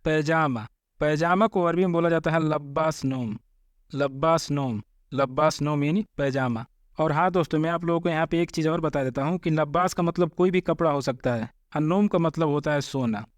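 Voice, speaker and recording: A man teaching vocabulary, repeating each word slowly and addressing viewers as friends. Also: a little high, no room sound. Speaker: Arabic language teacher. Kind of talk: vocabulary lesson.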